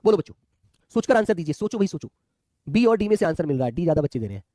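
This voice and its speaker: Fast, high-voiced teacher. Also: male voice, sing-song, mellow, no room sound, clean studio sound. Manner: chatty, calls students "my children" and asks them to answer. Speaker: exam coaching teacher. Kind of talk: live online class.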